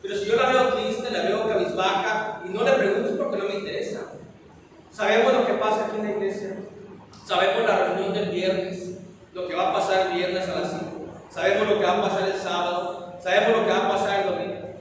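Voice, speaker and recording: High pitched pastor guy preaching, lots of questions, super echoey room, faint hiss. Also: steady tone, a little fast, recorded from a distance. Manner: preaching with rhetorical questions, emphatic. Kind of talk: sermon. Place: church meeting hall.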